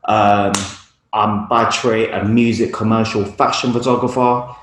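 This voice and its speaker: A young guest photographer from East London chats informally about his work in an interview, his London accent full of slang. His voice is lowish, his intonation fairly even and his pace measured, and the room sounds roomy and echoey.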